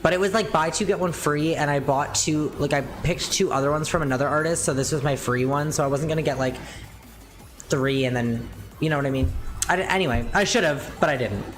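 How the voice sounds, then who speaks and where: A young adult woman chatting casually on a livestream, rambling with lots of fillers and casual swearing, her pitch jumping up and down as she talks. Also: brisk, faint music behind. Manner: animated, wide pitch swings. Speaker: streamer.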